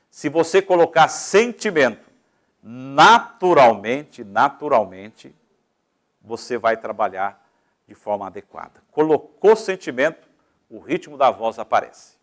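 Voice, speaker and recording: A man's voice: medium pitch, very animated, a little slow. A man with a Brazilian Portuguese accent giving a didactic lecture on public speaking, explaining step by step and shifting his volume and pace freely.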